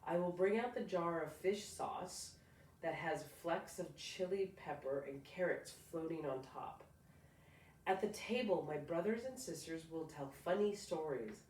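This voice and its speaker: Her voice is lowish and her pace measured as she reads a picture book for children expressively. Every so often she pauses to chat informally, and the sound is roomy, captured by a distant mic over faint background noise.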